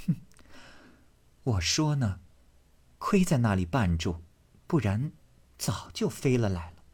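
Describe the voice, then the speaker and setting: A man voicing a sulky, sharp-tongued young noblewoman in a storybook reading, with cold, sniping retorts. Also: medium pitch, very animated, measured pace, breathy edge, pitched above the performer's own voice. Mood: peevish.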